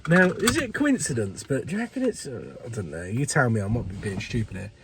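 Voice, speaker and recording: A British man who sounds unwell with a runny nose, talking casually and haltingly to himself as he narrates his plumbing work. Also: medium pitch, sing-song. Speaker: plumber filming his jobs. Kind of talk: casual work vlog, talking through tasks. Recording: noisy, clicks and vehicle sounds.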